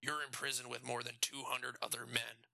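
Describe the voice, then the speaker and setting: A man's voice: mid-range voice, flat delivery, normal speed, creaky, sharp tone, no room sound, studio quality. A man voicing a blunt, mocking male prison guard in an audiobook reading. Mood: scornful. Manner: scornful, blunt.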